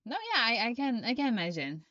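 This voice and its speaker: During a live tarot stream, a Brazilian woman speaks English as a second language with a Brazilian Portuguese accent, reading viewer questions aloud and responding in an unhurried, halting way. Her voice is on the high side, expressive, pushed and bright. The recording is dry and dull.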